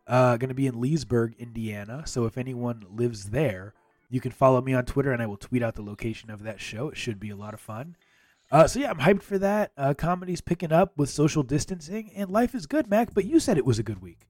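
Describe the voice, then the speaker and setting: A man's voice: medium pitch, lively intonation, fairly quick, darkish tone, no echo. A man hosting a video game podcast in an upbeat, emphatic and playful announcer style. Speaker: podcast host.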